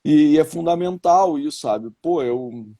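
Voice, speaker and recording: A man's voice: fairly high pitch, a little slow. A man, a business guest, talking emphatically in casual conversation and peppering lines with fillers. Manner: animated, emphatic, many fillers like "sabe" and "cara". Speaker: business guest who works with a factory. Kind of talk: casual live-stream conversation.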